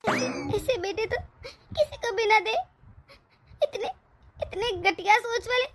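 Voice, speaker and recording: Woman playing an old saas in a cartoon, high bright voice, hurt and teary, keeps complaining. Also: steady tone, normal speed, a little hiss or hum, full character voice. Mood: tearful. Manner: aggrieved, complaining, tearful. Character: older mother-in-law, tearful and wounded. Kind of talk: animated family drama dub.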